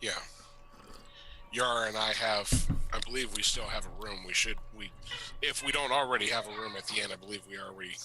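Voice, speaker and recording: A man's voice: lowish voice, a little fast, poor audio. A man playing a tabletop game over a call, chatting casually and hedging his recaps. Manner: relaxed, hedging, recaps with "I believe". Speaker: player.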